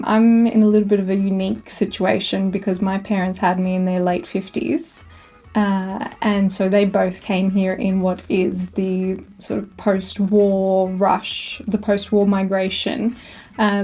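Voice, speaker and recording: A woman's voice: medium pitch, warm tone. A woman, a podcast guest who tells her story in a reflective way. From Australia. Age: 30s. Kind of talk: podcast interview.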